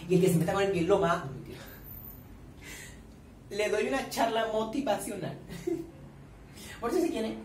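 Shrieking, excitable Colombian coast voice. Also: male voice, high voice, measured pace, long pauses. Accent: Colombian Caribbean coast. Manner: excitable, swears a lot, shrieks and squeals. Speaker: reaction vlogger. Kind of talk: excited reaction commentary. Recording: echoey room, distant mic, faint noise.

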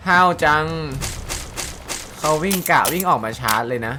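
A man giving calm, casual commentary while playing a mobile shooter, explaining in-game sounds and tactics to viewers. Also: mid-range voice, quick pace, noisy background. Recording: voice over loud background music and gunfire.

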